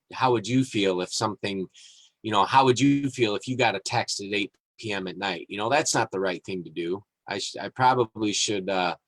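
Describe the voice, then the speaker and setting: A man hosting a podcast in a relaxed, rambling way, reading passages aloud and chatting about them with fillers and small chuckles. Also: on the low side, low-quality recording. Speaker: podcast host. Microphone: live-streamed podcast mic.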